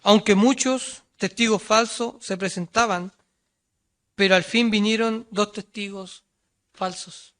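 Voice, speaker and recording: A man's voice: fairly even intonation, slow. A male preacher with a Chilean Spanish accent delivering a sermon, asking rhetorical questions, answering them himself, and reading scripture aloud. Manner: voice rises loud and high when quoting the crowd, drops low and quiet on asides.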